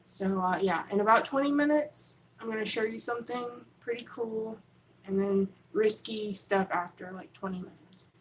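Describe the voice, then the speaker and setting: A woman's voice: medium pitch, moderate pace, a little hiss or hum, poor audio. A woman hosting a rambling, conspiratorial livestream from her home, talking casually into a camera on a holder. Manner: chatty, conspiratorial, self-interrupting. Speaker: livestream host. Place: home in Texas.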